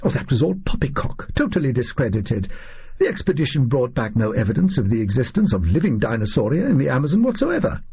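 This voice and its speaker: A man's voice: mid-range voice, big pitch swings, quick pace, warm tone, slightly rough, lo-fi sound, heavily acted. A man voicing a stolid, bemused Victorian army doctor with an English accent and a hesitant, incredulous manner in an audio story. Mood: dismissive.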